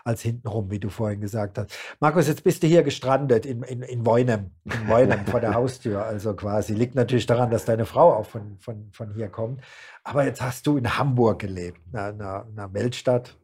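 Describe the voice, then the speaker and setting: A man's voice: lowish voice, fairly quick, a little mellow, breathy edge. A man hosting a podcast, chatting in a familiar, friendly way with his guest. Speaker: podcast host. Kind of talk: casual podcast interview.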